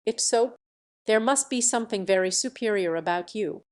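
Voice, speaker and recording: Old rich banker guy in a storybook, all flattery, woman reader doing him. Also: mid-range voice, normal speed, close to an everyday voice. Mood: eager.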